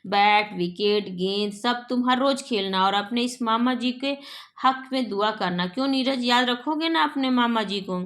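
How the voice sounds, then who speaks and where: A woman reading aloud as a jovial, teasing young uncle in a play, with a fairly high voice. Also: a little slow, a bit bright. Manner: playful, teasing.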